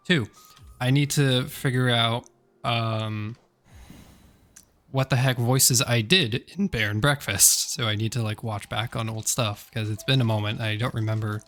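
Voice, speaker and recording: A man's voice: mid-range voice, a bit bright. A man with a slightly sore throat chatting casually on a gaming stream, rambling and correcting himself with many fillers.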